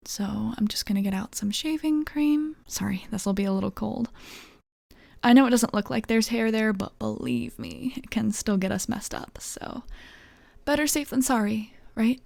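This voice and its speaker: Woman playing flirty tattoo artist, ASMR role-play, creaky voice. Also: on the high side, normal speed, no room sound. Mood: soothing, reassuring. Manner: soft-spoken, casual, gently teasing, slightly bashful. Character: flirty, easygoing, reassuring female tattoo artist.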